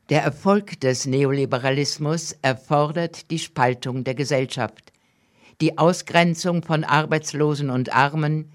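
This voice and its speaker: A man reading a political commentary aloud in a measured, deliberate way, slowing down for emphasis. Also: a little high.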